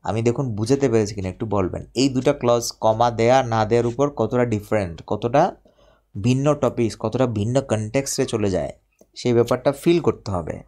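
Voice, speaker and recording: A man teaching English grammar in a live online lesson, explaining slowly and repeating himself while checking that viewers follow. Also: mid-range voice, warm tone. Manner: repetitive, explains step by step, asks viewers to confirm.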